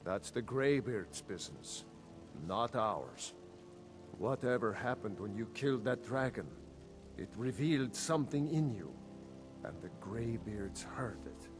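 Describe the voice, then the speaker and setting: Man voicing jarl, middle-aged, stately, formal, measured, steady mid pitch, video game lord. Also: music in the background, close to an everyday voice. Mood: solemn.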